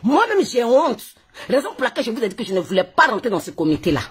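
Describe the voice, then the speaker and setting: A blogger with an Ivorian French accent talks fast in a husky, sing-song voice on the high side. On a Facebook live stream, she rants heatedly into her phone, laughing heavily while she mocks and scolds.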